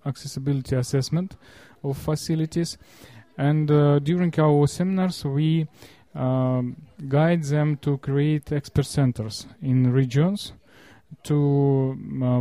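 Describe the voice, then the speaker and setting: A Russian man gives halting explanations in an interview, his accented English non-fluent and marked by frequent word-searching. The recording is dry, and his medium-pitched voice carries a dark tone.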